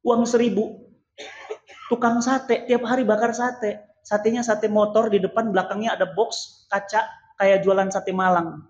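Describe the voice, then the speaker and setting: A man preaching a sermon to a mosque congregation, animated and theatrical, acting out the voices he quotes. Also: sits high, a little slow, a little hiss or hum. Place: large mosque hall. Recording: echoey, dull mosque PA recording.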